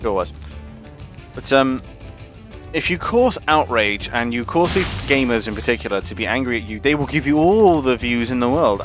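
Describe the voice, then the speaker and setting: Swearing streamer ranting. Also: male voice, medium pitch. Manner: profane, rambling, animated. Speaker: gaming streamer. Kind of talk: casual livestream rant.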